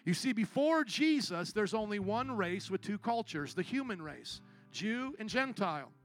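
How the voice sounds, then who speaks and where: A male pastor delivers a sermon in a high voice with a gravelly rasp. He keeps calling on the congregation to answer him, dropping low and quiet before rising to loud shouted climaxes. Soft guitar plays faintly underneath. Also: sing-song, normal speed. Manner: preaches with call-and-response to the congregation.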